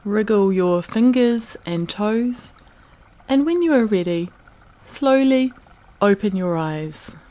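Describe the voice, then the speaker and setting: Leading a guided meditation, a woman of medium pitch keeps her tone gentle and calm. She moves slowly and lets long silences fall between her phrases.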